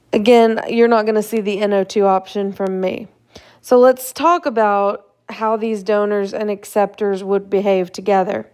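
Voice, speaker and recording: Clear-voiced woman lecturing on chemistry. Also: mid-range voice, darkish tone. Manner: casual, talks through steps with fillers and "right?" checks. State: tired, yawning. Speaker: chemistry instructor. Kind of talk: recorded lecture over slides.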